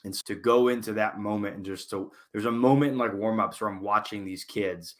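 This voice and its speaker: A high school football coach co-hosting a podcast, speaking earnestly and reflectively in casual chat. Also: male voice, brisk. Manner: earnest and reflective, with small restarts.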